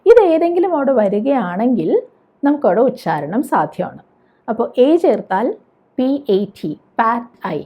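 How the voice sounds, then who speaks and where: Husky-voiced woman teaching spelling patiently. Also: fairly high pitch, big pitch swings, measured pace. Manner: patient, spells words out letter by letter; asks the viewer questions. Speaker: spoken English teacher. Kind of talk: explanatory teaching. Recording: dull lo-fi recording.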